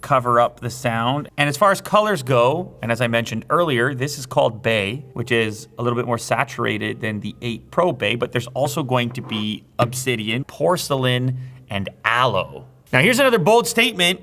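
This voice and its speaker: Man doing a brisk tech review. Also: medium pitch, a bit bright. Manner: brisk, spec-listing, explanatory. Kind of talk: hands-on product review.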